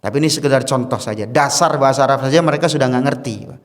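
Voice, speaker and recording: A man's voice: mid-range voice, rapid-fire. A man teaching a casual study lecture to a congregation, chatty and asking his listeners questions. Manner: chatty, asks the audience questions, chuckles often. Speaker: religious teacher. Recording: long hall reverb.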